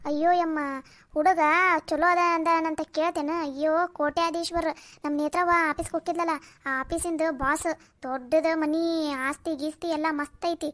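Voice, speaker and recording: A woman's voice: sits high, fairly even intonation, moderate pace, fairly bright tone. A woman with a North Karnataka Kannada accent voicing a proud village mother who boasts and complains animatedly. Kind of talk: cartoon voice acting.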